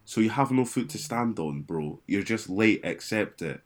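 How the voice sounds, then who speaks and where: Deep-voiced young London roadman. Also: expressive, normal speed. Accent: London, urban roadman slang. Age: young adult. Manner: slangy, teasing. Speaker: podcast co-host. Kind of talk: casual banter.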